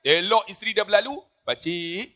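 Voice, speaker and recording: A man's voice: very high voice, moderate pace, bright, forceful tone. A man, giving a jokey religious forum talk full of stories and asides to the audience. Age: 50s. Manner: jokey storytelling, addresses the audience often. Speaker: religious speaker on a forum panel.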